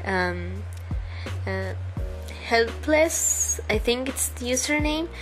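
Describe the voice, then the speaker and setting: A young Uruguayan woman, a native Spanish speaker with a Spanish accent, answers viewer questions over her speedpaint video in a slightly high, animated, slow voice, hesitant with many ums and restarts. Soft music plays behind her, and the recording quality is low.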